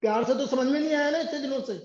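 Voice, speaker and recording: A man's voice: very high-pitched, very fast, darkish tone. A man teaching a math class, scolding and sarcastic as he presses a student for answers. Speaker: math tutor. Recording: echoey room, dull sound.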